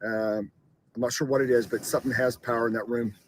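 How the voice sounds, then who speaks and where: Halting man reporting live, flat pitch. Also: slight background noise, rough recording. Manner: halting, repetitive delivery. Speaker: storm chaser reporting from the scene. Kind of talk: unscripted live field report.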